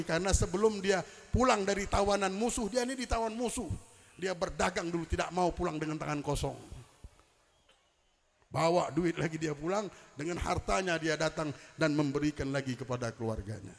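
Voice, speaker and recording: A man's voice: high-pitched, a little fast, creaky, long reverb tail. A man preaching at a religious celebration, telling stories emphatically and weaving in Arabic quotations. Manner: storytelling, emphatic rising delivery with Arabic quotations. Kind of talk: religious lecture at a public celebration. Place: large event hall.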